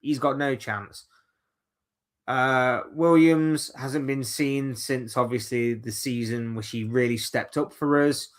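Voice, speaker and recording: A man's voice: mid-range voice, steady tone, slow pace. A man hosting a casual solo football chat, rambling and opinionated, reeling off players one by one. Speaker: football channel host.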